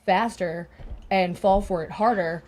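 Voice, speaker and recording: A woman's voice: on the low side, a little slow, darkish tone, slight background noise. A middle-aged woman on a podcast panel speaking candidly about her own experience. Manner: candid, personal. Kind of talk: casual panel discussion.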